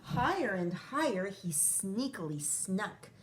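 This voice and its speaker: Reading a picture book to her young class, this woman first-grade teacher stretches out lines with expression and slips in chatty comments. She speaks slowly in a mid-range, very animated voice, and there's a faint hiss or hum.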